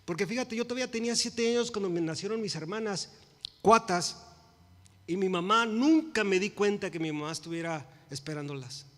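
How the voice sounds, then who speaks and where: A man in his forties preaches in a fairly high voice, rising to loud emphasis and falling to hushed pleas. He drops English phrases into his Spanish. His voice rings with the long reverb of a church hall. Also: a little fast. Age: 40s. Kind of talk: sermon. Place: church sanctuary.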